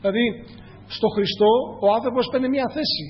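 A man's voice: extremely high pitch, husky. A man preaching a sermon, speaking earnestly, often addressing his listeners as brothers and asking rhetorical questions. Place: church hall. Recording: echoey hall, dull lo-fi, faint hum.

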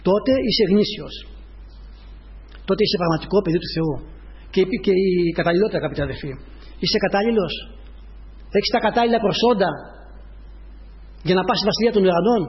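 Guy preaching a sermon, pretty high voice, keeps calling out to the brothers, muffled recording w long reverb. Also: pauses often. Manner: repetitive, rising to emphatic peaks, addresses listeners as brothers.

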